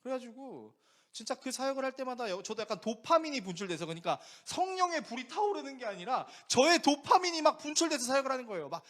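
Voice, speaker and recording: A man preaching a sermon as pastor, animated and conversational, often asking the congregation questions. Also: very high-pitched, fast.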